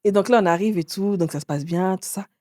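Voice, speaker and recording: Woman in her 40s telling her story to an interviewer, mid pitch, acts out the other people, dry close sound. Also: quick pace, no room sound. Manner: animated, acts out others' words with sudden pitch jumps. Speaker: author and interview guest.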